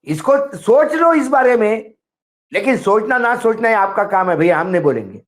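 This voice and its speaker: A middle-aged man commenting on politics in an animated way, telling stories with acted quotes. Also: sits high, moderate pace. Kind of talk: political discussion.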